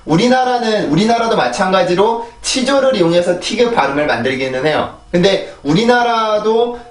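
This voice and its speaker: A man's voice: sits high, expressive, moderate pace, reverberant, far from the mic. A man teaching English pronunciation who explains patiently step by step and repeats example words in drills.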